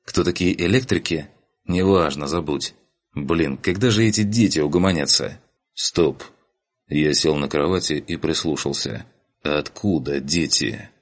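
Deep dude reading an audiobook, wry first-person telling, low voice. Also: male voice, moderate pace. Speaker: audiobook narrator. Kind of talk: audiobook narration.

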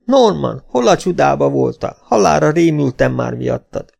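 A man voicing a frail but domineering old mother in an audiobook, indignant and shrill. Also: very animated, vocal fry, a little mellow, exaggerated voice. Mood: worried. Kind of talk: audiobook character voice.

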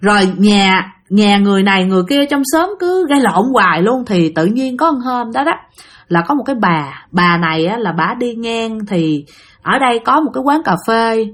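Expressive and fairly quick, this woman's medium-pitched voice has a fairly bright tone. She shares a ghost story chattily, addressing her audience directly.

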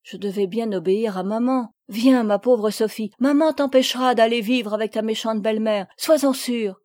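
A woman's voice: a little high, normal speed, a little mellow, no echo, clean studio sound, lightly acted. A woman voicing a dutiful, kind eleven-year-old girl in a storybook reading, urgent and reassuring.

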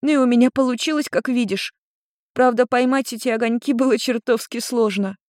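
A woman's voice: fairly high pitch, dry recording, clean studio sound, natural voice. A woman voicing an indignant seventeen-year-old girl who fires questions at her long-lost father in an audiobook. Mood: explaining. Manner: indignant, rapid-fire questioning. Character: feisty teenage girl searching for her father. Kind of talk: audiobook character voice.

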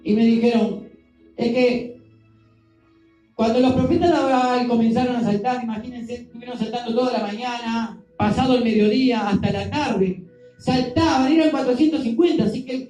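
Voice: medium pitch, moderate pace, mellow, heavy reverb, faint music behind, poor audio. A preacher giving a sermon, speaking conversationally and often asking the congregation questions. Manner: conversational, asks the congregation questions, acts out scenes.

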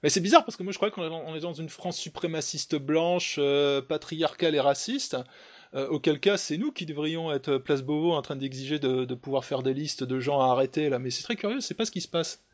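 A man's voice: fairly high pitch, fairly quick. A man with a slightly raised voice hosts a casual podcast discussion. He talks hesitantly and sneeringly, stalling on fillers and repeating himself before he gets going. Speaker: host.

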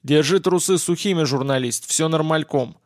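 A man's voice: fairly high pitch, moderate pace, dry recording, clean studio sound, natural voice. A man voicing a reckless, mocking male swindler with a cocky, slangy way of talking in an audiobook.

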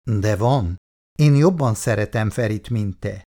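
The voice is described as a woman's, rumbling low with a dark tone, while a man reads aloud as a bold young woman. Brazen and insistent, the character keeps pressing her point and mocks her rival.

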